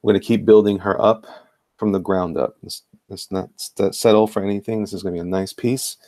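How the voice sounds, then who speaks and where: A man's voice: lowish voice, fairly even intonation, fairly quick, mellow, no room sound, clean studio sound. A middle-aged man with a New York accent, chatting casually and playfully on a live stream as he draws, rambling and repeating his phrases. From the Bronx, New York. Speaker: artist hosting a live drawing stream. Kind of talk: casual live-stream chat while drawing. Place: indoors at a tabletop.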